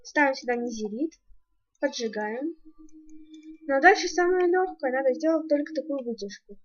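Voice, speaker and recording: Recording a voice-over at home on a muffled microphone, a gaming YouTuber explains a game build casually. Her high, animated voice keeps a moderate pace as she thinks out loud and counts off each step.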